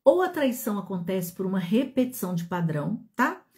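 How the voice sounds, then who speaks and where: Brazilian woman with a mellow voice, teaching. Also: mid-range voice, very animated, fairly quick. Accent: Brazilian Portuguese. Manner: talks to listeners directly, with frequent check-ins. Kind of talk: didactic talk to an audience.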